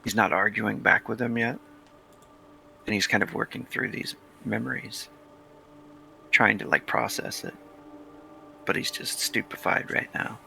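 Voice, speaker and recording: A man calmly narrating his character's actions at a tabletop game. His low voice is heavily gravelly, with a hard, sharp edge. Faint music plays beneath. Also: measured pace, pauses often. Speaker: player.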